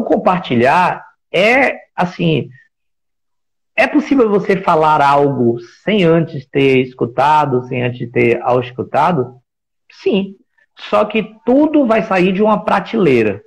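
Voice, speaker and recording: This live stream talk on listening at work comes from a man with a Brazilian Portuguese accent whose voice is on the high side and creaky. Reflective and explanatory, he keeps restarting phrases while searching for words and poses rhetorical questions to build his points.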